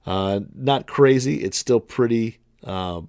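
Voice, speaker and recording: A podcast host in his early forties reviews his golf clubs in a casual, rambling monologue full of fillers and restarts. His mid-range voice is slow and slightly dark. The studio-quality recording has no echo.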